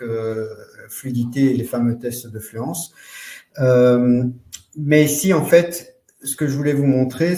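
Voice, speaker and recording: A man presenting a live online training for parents, explaining in a loose, halting way full of fillers and restarts. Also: mid-range voice, mellow, far from the mic. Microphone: computer mic in a webinar. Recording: roomy echo.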